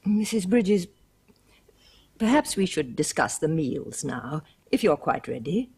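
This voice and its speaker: A firm, well-bred lady of the house in a period TV drama, with a husky voice that rises and falls with lively expression. She issues crisp upper-class commands and softens into gentle comfort. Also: deep voice, normal speed, exaggerated voice. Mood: soothing. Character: aristocratic lady of the house, firm yet kindly. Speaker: mistress of the house. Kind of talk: 1970s period television drama.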